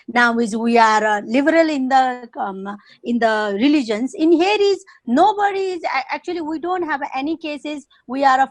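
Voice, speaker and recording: A high-voiced woman from Nepal, speaking with a Nepali accent, is interviewed casually as a guest. She hunts for words, pausing often and filling the gaps.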